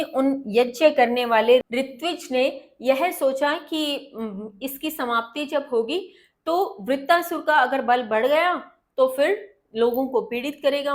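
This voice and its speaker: Woman teacher, high voice, slow measured delivery, patient word-by-word explanation. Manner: patient, repeats each word then its meaning.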